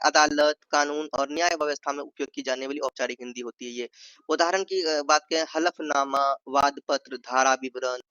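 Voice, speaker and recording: A man's voice: on the high side, fairly bright tone, clean tone, dry recording, highs cut off. A man teaching an exam-prep lesson, going over each point twice, checking in with "ठीक है" and acting out sample sentences in different tones. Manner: repeats points, says "ठीक है" often, acts out sample tones. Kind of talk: explanatory Hindi lesson.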